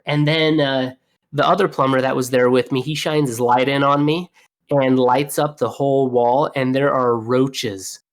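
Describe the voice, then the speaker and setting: A young man talks shop as a plumber on a podcast, loose and chatty, piling on "you know" as he tells his stories. His delivery is lively and animated, and he laughs easily. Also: mid-range voice, normal speed. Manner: animated, laughing storyteller with fillers. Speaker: plumber guest. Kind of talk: casual storytelling.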